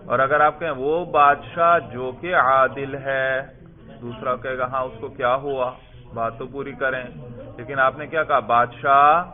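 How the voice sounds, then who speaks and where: A man teaching a grammar class in a steady mid-range voice. He quizzes students and drills each answer back. The sound is thin and phone-like. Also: medium pitch. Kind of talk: classroom lesson.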